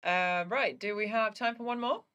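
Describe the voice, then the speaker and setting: A woman's voice: mid-range voice, moderate pace, fairly bright tone, clear, resonant tone, muffled recording. A woman hosting a live interview stream, upbeat and laughing often. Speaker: stream host.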